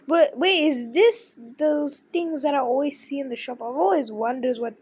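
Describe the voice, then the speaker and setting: A woman's voice: high-pitched, normal speed, darkish tone. A woman hosting a reaction video, talking casually in slang and interrupting the clip she watches, on a dull lo-fi mic.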